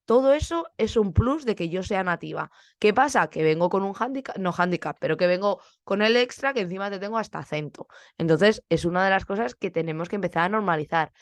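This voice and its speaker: A woman's voice: mid-range voice, expressive, brisk, dry recording. A young woman teacher from Spain, with a Spanish accent, chatting casually on her podcast and acting out bits of classroom dialogue.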